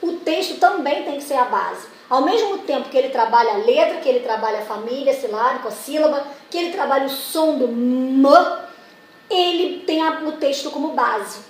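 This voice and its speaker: A woman's voice: sits high, lively intonation, normal speed. A woman training teachers, explaining step by step with many examples and acting out classroom questions. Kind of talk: explanatory lesson. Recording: echoey room with faint noise.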